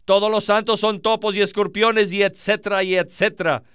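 A man's voice: high voice, level tone, a little fast, a bit bright, smooth, no echo, studio quality. A man preaching a sermon, earnest and emphatic, speaking straight to his listeners.

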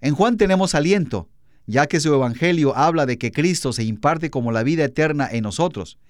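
A man co-hosting a Bible program, explaining scripture in a steady, teaching way. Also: on the high side, fairly quick, no room sound, studio quality. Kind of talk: explaining scripture in a studio discussion.

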